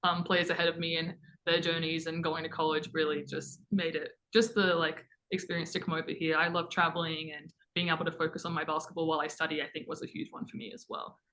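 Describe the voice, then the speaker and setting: Young woman, Australian accent, lowish pitch, bright tone, casual interview answers, video call. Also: flat delivery, quick pace, few pauses, poor audio. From Adelaide, Australia. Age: young adult. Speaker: college basketball player. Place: indoor team room, video call.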